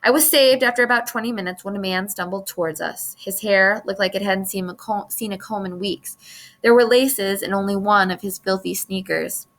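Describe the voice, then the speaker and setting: A woman narrating a memoir audiobook in a measured, expressive reading. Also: mid-range voice.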